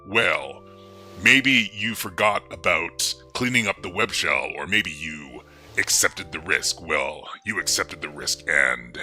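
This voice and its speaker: A man's voice: lively intonation, slow pace, pushed and bright, soft background music, full character voice. A man livestreaming through a voice changer that morphs him into a mock-menacing "scary hacker" persona, talking in a playful, jokey way. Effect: voice changer, deep morphed voice. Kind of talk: livestream hacking commentary.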